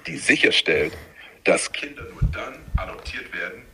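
A man's voice: low-pitched, big pitch swings, normal speed, bright, forceful tone, a little hiss or hum, poor audio. A male computer voice reading out a formal, lecturing statement.

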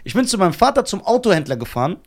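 Man, podcast host, casual storytelling, slangy, rather high voice, very lively pitch. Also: rapid-fire.

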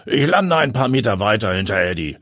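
A man voicing a confident, daring journalist and pilot who speaks in a brisk, energetic, self-assured way. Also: fairly low pitch, no echo, clean studio sound, pitched above the performer's own voice. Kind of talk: audiobook character voice.

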